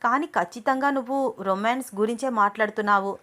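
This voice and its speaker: A woman voicing a shy, playful young woman in love, speaking softly and bashfully in a spoken love story. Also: on the high side, fast talker. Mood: coy. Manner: soft, coy and bashful.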